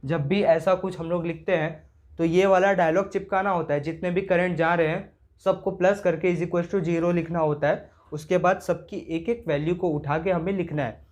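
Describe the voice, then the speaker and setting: A man's voice: high voice, steady tone, moderate pace. A man teaching circuit analysis, working through each step casually and asking himself questions as he goes. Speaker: engineering teacher. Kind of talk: explaining circuit problems on a board.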